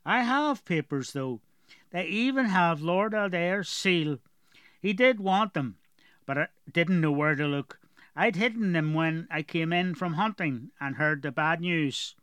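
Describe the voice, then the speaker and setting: A man's voice: on the high side, animated, a little slow, a bit bright, smooth, no echo, clean studio sound. A man voicing a curious, guarded young male assistant who speaks in a questioning, hesitant way.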